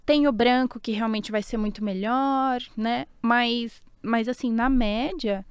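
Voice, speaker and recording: A woman's voice: fairly high pitch, steady tone, measured pace, smooth, no room sound. A woman in a casual discussion, speaking thoughtfully and hedging with fillers.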